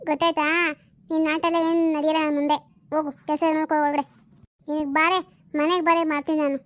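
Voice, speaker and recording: A woman voicing a sharp-tongued, nagging mother who scolds her grown daughters in a cartoon family drama. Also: high-pitched, flat delivery, quick pace, no echo, lightly acted. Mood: threatening.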